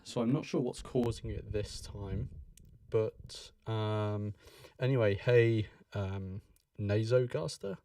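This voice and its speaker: A man's voice: lowish voice, takes it slowly, mellow. A man hosting a casual live stream, his voice coming through with a robotic, metallic glitch as he drifts on and off the mic while rocking.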